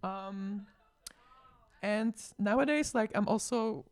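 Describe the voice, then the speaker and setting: A woman, a guest on a casual radio chat, talking in an earnest, halting way with many fillers. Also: mid-range voice.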